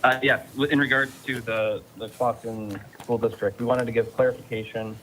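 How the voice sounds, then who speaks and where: A man calling in remotely as a school district representative, his audio muffled, speaking haltingly with many restarts. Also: mid-range voice, steady tone, a bit bright, a little hiss or hum. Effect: muffled remote call audio. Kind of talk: remote statement at a public meeting.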